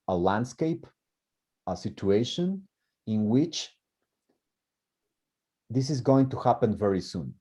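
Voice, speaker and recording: A man's voice: on the low side, dark tone. A man teaching grammar, thinking aloud with many repeated words and restarts. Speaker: language teacher. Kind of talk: explaining grammar in class. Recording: muffled lo-fi recording.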